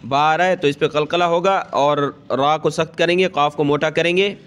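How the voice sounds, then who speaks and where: A man teaching Quran reading, spelling out each letter and vowel mark and then chanting the word slowly, with quick explanatory asides in between. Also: on the high side, steady tone, fairly bright tone. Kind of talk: slow spelled-out recitation lesson.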